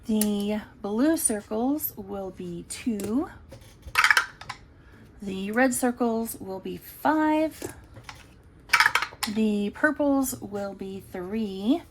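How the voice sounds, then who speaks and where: Chatty woman counting out cash, unhurried. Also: medium pitch, animated, very noisy. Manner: chatty, talks to herself while counting. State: has the hiccups. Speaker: budgeting vlogger. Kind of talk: casual savings-challenge walkthrough.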